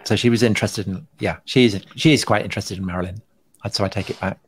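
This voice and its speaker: Here a middle-aged podcast co-host talks quickly in a fairly low voice with a breathy edge and a steady tone. He's casual but hesitant, repeating himself and circling back on his words, with a dry, understated manner.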